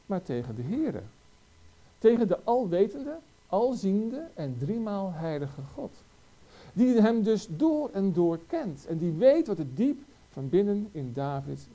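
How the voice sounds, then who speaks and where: Emphatic preacher with a dark, lively voice. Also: mid-range voice. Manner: emphatic, rhetorical questions to the congregation. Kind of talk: sermon.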